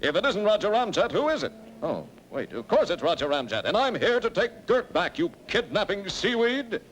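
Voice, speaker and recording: Dim, pompous cartoon hero: lightly raised pitch, very animated, declamatory. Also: male voice, moderate pace, slight background noise. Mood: puzzled bravado. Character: pompous, dim-witted all-American male cartoon hero. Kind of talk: cartoon parody of heroic acting.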